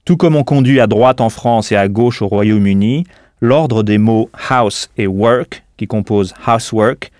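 A man teaching an English lesson in a scripted audio course, speaking in a measured way and spelling words out letter by letter. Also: medium pitch, darkish tone, no echo, studio quality.

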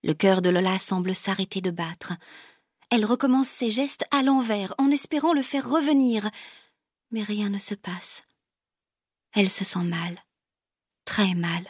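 A woman reads a children's story slowly and expressively, at times dropping into a whisper. Her voice sits fairly high with a lively, shifting melody. It has a husky grain and is recorded close and dry. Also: no room sound. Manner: slow, expressive, drops to whispers.

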